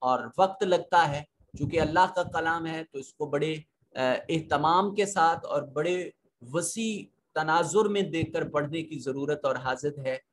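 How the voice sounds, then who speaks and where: Slowly reciting verses and patiently explaining tajweed rules, a man with a Pakistani Urdu accent leads a recorded Quran lesson. His pitch is on the high side, with slight background noise behind him.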